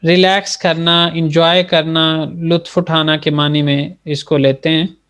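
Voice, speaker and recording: Calm man teaching over a video call. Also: a little high, measured pace, smooth. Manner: calm, affirming with frequent hums. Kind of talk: online language lesson.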